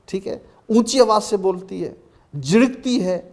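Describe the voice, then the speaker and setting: A man's voice: high-pitched, a little mellow. Emphatic man preaching on TV. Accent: Pakistani Urdu. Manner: emphatic preaching, recites Quranic verses slowly. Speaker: religious scholar guest. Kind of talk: Ramadan TV sermon-style talk.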